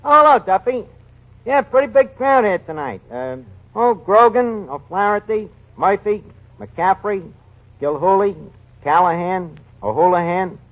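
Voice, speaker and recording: In this dull-sounding 1940s radio recording, an actor performs comedy as a scheming New tavern manager, his high-pitched, slangy voice animated and a little slow. The streetwise blusterer is chatty and wisecracking, mangling words with malapropisms, ungrammatical and mock-important.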